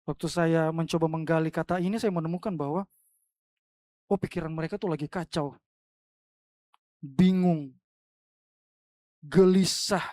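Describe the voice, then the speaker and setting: A woman pastor preaching a sermon in church, swinging between loud emphatic cries and soft, hushed lines. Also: fairly low pitch, no echo, clean studio sound.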